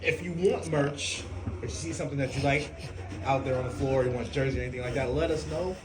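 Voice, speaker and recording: A man's voice: medium pitch, fast. Man hosting in an echoey, noisy room. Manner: teasing, hosting banter. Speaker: podcast host. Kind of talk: casual chat.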